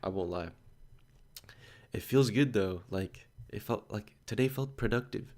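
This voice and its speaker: A man's voice: lowish voice, a little slow, darkish tone. A man in his twenties chatting loosely on a study livestream, full of filler "like"s as he drifts between stories. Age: 20s. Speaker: study streamer. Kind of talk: casual rambling chat on a livestream.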